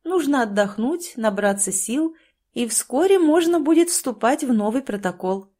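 A woman narrator voicing a calm, soothing female doctor in an audiobook. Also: high-pitched, normal speed, voice pushed up. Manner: gentle, reassuring. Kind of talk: audiobook reading.

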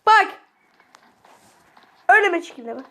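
Very high-voiced panicky woman gamer. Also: sing-song, normal speed, bright, forceful tone. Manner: panicky, screams and pleads at the monster. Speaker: gameplay streamer. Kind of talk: horror game let's-play commentary. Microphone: mic held to her ear.

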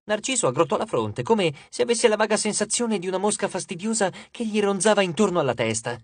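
A man reading an audiobook in a lively, expressive manner. His pitch moves a great deal, and the recording is close and dry. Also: fast, slightly rough, no echo. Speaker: audiobook narrator. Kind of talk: scripted narration.

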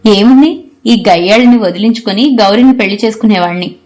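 Woman reading a calm, frank young man. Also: mid-range voice, fairly quick, natural voice. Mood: teasing.

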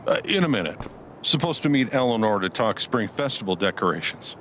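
A talkative, folksy bar owner in his middle years, gruffly friendly with casual swearing. His pitch swings lively up and down as he talks, from a video game. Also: a little fast, a little hiss or hum. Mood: friendly, joking. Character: chatty, folksy male small-town bar owner.

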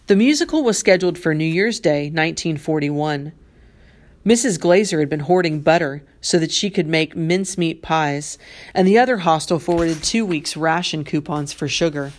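Low-voiced woman reading a novel aloud. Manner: measured, expressive read-aloud. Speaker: teacher.

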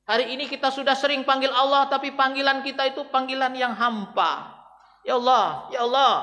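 A man preaching a dawn sermon to a mosque congregation, swinging between loud exhortation and hushed, tender calls. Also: sits high, long reverb tail. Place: large mosque.

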